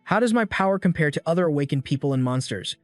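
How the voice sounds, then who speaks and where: A man's voice: a little high, expressive, fast, no echo, soft background music, natural voice. A man voicing a determined, defiant young male student in a recap story. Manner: resolute, defiant.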